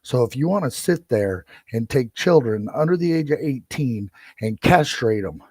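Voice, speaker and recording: A man's voice: medium pitch, expressive, normal speed, darkish tone, no room sound, clean studio sound. A middle-aged man hosting a podcast, ranting angrily, swearing and repeating himself. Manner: profane, heated and repetitive. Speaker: podcast host. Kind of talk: angry solo rant.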